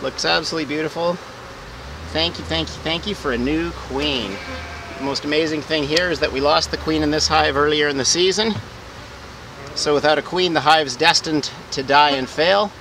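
Man in his forties, vlogger, slightly high voice, friendly step-by-step explainer, outdoor camera audio with steady background noise. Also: normal speed. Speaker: beekeeping vlogger. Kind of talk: casual how-to vlog. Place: outdoors in a garden beside beehives.

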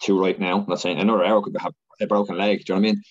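An Irish man, a podcast guest, talking fast and animated in a casual interview chat. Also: sits low, muffled recording. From Ireland.

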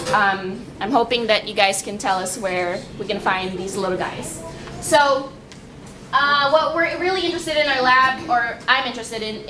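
A young woman researcher giving a casual public science talk, with lots of fillers and restarts. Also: fairly high pitch. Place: library meeting room. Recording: echoey room with background noise.

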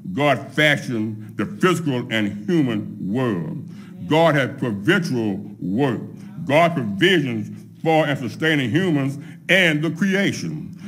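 A middle-aged man preaching a sermon from a pulpit, laying out his points one by one in a measured way. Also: mid-range voice, fairly bright tone, husky. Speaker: pastor. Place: church sanctuary at a pulpit, empty pews behind. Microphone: microphone on a pulpit stand.

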